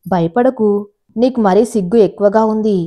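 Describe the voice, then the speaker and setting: A woman's voice: mid-range voice, normal speed, warm tone, natural voice. A woman voicing a group of eager, impatient young men in a storybook reading, talking in a pushy way.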